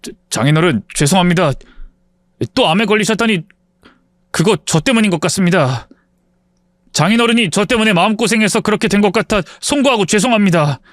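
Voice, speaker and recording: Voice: medium pitch, a little fast, no echo, clean studio sound, lightly acted. A man reading the part of a greedy husband who demands money and later stammers apologies. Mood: groveling.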